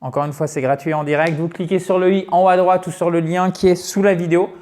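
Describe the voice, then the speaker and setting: A man's voice: high-pitched, steady tone, fast, darkish tone. A middle-aged man, an online English teacher, chatting straight to his viewers about a free course, addressing them as friends and checking in with them again and again. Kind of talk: direct-to-viewer course promotion.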